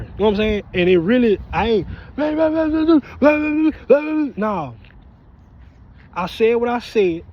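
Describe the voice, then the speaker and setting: A man talking in a casual, animated street-side vlog outdoors, sitting outside his house and often asking "you hear me". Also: sits high. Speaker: vlogger. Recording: slightly dull phone audio with faint street noise.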